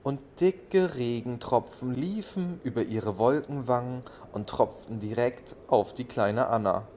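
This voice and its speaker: A man narrating a children's bedtime audio play in a calm, gentle storytelling manner. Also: medium pitch, measured pace, a little hiss or hum.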